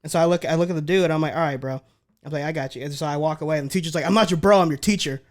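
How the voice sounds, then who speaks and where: Young male podcast co-host, slightly high voice, animated storyteller. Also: very fast. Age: young adult. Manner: animated storyteller, acts out quotes. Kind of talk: casual storytelling chat.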